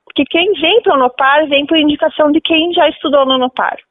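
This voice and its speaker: A woman's voice: sits high, fast, no room sound. A woman coordinating a university campus, interviewed on radio over a landline phone, explaining with frequent fillers and a habitual "tá?". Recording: tinny phone line on radio.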